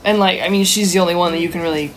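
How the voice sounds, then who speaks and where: A woman co-hosting a casual discussion, animated and playful. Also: fairly low pitch, rapid-fire, slight background noise. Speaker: podcast co-host. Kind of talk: casual chat.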